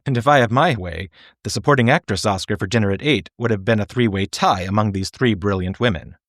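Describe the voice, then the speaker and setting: A man with a fairly low voice delivers scripted video-essay narration. His phrasing is polished and measured, with clear articulation. The recording is close and dry, with very little room around the voice. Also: dry recording. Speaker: film reviewer and narrator.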